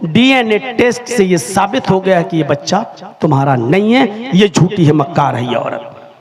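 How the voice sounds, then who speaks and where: A man playing a fed-up hospital doctor who lays down the facts firmly, in a very high voice. A live crowd is audible behind. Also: expressive, normal speed. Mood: exasperated. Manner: firm, exasperated. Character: exasperated male hospital doctor.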